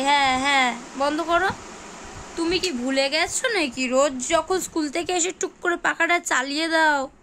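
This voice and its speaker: A high-pitched woman in her thirties talks casually on a handheld phone camera at home. She chats, teases and scolds her young child indoors, and a faint hiss sits under her voice. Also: bright, forceful tone. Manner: chatty, teasing and scolding a child. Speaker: mother vlogger. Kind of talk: casual home vlog chat.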